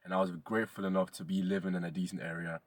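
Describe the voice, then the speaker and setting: A man's voice: sits low, very fast, no room sound. A young man hosting a music reaction, talking casually and swearing now and then. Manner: relaxed, chatty, swears casually.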